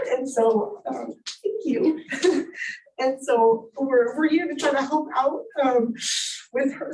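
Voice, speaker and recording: Give me a higher-voiced woman at a public meeting, speaking haltingly and repeating herself. She is picked up from far off in a roomy council chamber. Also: a little mellow, a little hiss or hum. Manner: halting, repeats words while explaining. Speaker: resident making a request.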